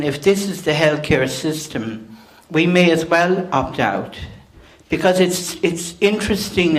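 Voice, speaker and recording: An Irish man with a voice pitched a little high. He speaks up as a member of the public, unscripted and emphatic. His delivery is indignant and insistent. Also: low-quality recording. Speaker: audience contributor at a public meeting. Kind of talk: impassioned public comment, unscripted.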